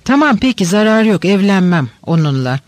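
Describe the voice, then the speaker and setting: Lively teenage girl, stubborn, teasing, chattering, read by a man, fairly high voice, dry close sound. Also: moderate pace, no room sound. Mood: eager.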